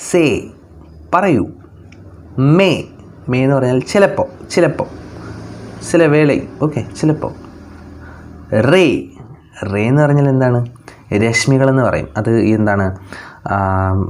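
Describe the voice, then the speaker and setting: A man with a mid-range, slightly mellow voice teaches English online to young children, speaking with a Malayali accent. He reads English lines slowly, explains them in quick Malayalam, and asks questions that he then answers himself.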